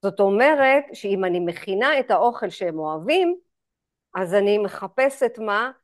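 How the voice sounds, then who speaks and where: A woman guiding a women's group session, animated and acting out inner dialogue in hushed asides. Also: medium pitch. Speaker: spiritual group facilitator.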